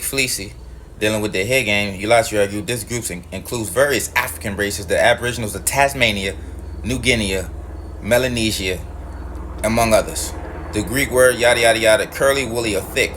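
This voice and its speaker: Ranting emphatically to his viewers, a male video host swears freely and keeps repeating his points in a heated monologue. He speaks briskly in a lowish voice with a fairly bright tone, over a slight hiss or hum.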